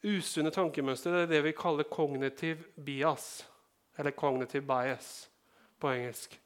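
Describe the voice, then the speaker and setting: A man from Norway preaching a sermon in a fairly high voice. He talks to the congregation in a conversational way, asks them questions and slips in light joking asides. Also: fairly even intonation. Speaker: pastor.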